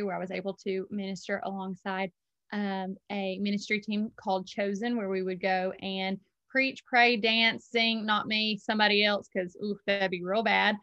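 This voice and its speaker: Bubbly young Southern woman, bright voice. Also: medium pitch, muffled recording. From Alabama, US. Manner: bubbly, playful, quick to laugh. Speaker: guest. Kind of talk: casual interview chat.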